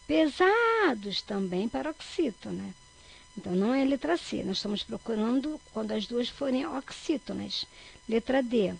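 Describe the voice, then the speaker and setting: A woman from Brazil, a teacher, giving a recorded grammar lesson for children. She checks in often with her listeners and stretches out key words loudly to stress their syllables. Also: on the high side, animated, normal speed, vocal fry, slightly rough, rough recording. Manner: checks in with frequent "tá bom?".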